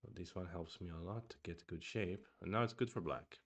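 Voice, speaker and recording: A man whose first language is Swedish streams a review of his own go games, thinking aloud in a casual chat full of murmured asides and restarts. His voice is low and a little fast.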